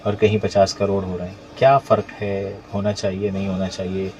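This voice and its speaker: A man hosts a radio talk show, putting questions to his guest conversationally and frequently affirming him with interjections. His deep voice is monotone and darkish in tone. The audio is dull, with soft music in the background.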